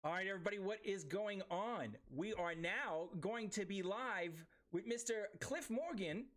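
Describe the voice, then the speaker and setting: A man in his forties from Brooklyn, New York, with a New York accent hosts a podcast full of casual, chatty interview banter. His voice sits high and sounds a bit bright, at a normal speed.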